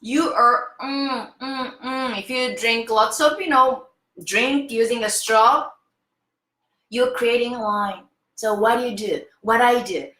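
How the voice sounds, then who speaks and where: A woman's voice: a little high, a little slow, bright, forceful tone, reverberant. Upbeat woman in her fifties teaching face yoga. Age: 50s. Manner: enthusiastic, keeps checking in with "okay?". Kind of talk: interactive online lesson.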